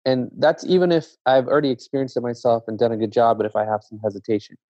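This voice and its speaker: A man from Zambia, a guest in a casual conversation, speaking in a reflective, measured way and often restarting his sentences. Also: mid-range voice, fairly even intonation, no echo. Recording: dull lo-fi dry sound.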